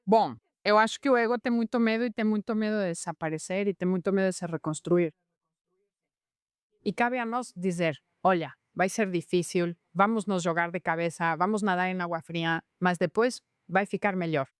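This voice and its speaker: A woman's voice: fairly low pitch, normal speed, clear, resonant tone, no echo, clean studio sound. A woman teaching about personality types in a podcast conversation, explaining patiently and illustrating points with real cases. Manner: explanatory, tells cases with acted quotes. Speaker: Enneagram teacher.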